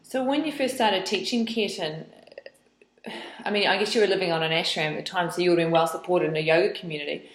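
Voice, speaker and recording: A woman interviewing a guest, asking curious, gently probing questions and affirming with soft mms. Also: lowish voice, quick pace, echoey room, rough recording.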